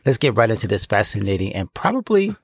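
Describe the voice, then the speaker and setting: A man's voice: lowish voice, sing-song, fast, husky. An American man hosting a podcast, talking to his listeners in an encouraging, emphatic way. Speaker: podcast host and founder. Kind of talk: solo podcast talk, addressing listeners. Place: clothes closet at home.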